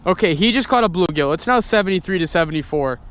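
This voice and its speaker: A young man with a rather high voice vlogs casually outdoors. He talks in an informal, excitable way and swears freely, over clear outdoor noise on an action camera. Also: fast talker. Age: young adult. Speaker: vlogger, fishing host. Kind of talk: casual outdoor vlog chat. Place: outdoors on a frozen pond and by a river. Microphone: handheld or body-worn action camera.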